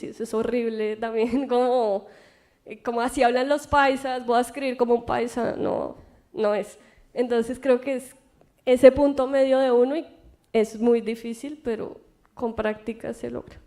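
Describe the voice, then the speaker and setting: A woman's voice: a little high, level tone, moderate pace, darkish tone. Reflective Colombian woman author. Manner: reflective, laughs often, thinks aloud. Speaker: guest author. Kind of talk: conversational Q&A answers. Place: university lecture room.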